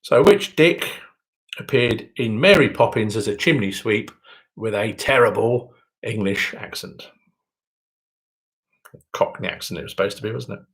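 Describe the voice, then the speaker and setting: A man's voice: lowish voice, a little slow, pauses often, fairly bright tone, poor audio. A man hosting a quiz, reading each question twice and adding dry joking asides. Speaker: quiz host.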